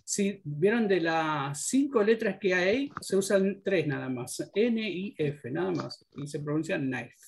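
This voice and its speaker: A man's voice: high-pitched, animated, a little slow, creaky, few pauses, a little hiss or hum. A man teaching an English class, patiently explaining pronunciation rules step by step. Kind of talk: online class instruction.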